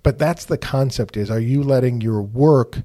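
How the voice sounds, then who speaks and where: A man in a faith-based podcast conversation. He talks in an animated, emphatic way, restarts words and keeps checking in with "right?". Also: mid-range voice, moderate pace.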